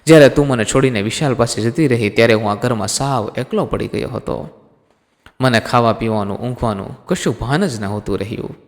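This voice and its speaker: A man voicing a calm, dying young husband who speaks slowly and softly with sorrow. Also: mid-range voice, natural voice. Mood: gentle sorrow. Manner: slow, soft, sorrowful. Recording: long hall reverb.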